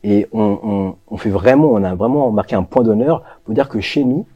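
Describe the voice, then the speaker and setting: A man's voice: lowish voice, normal speed, dry recording, dull audio. A man from France giving interview answers as a brand co-founder, speaking thoughtfully and hesitantly with many fillers. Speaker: co-founder of a natural products brand.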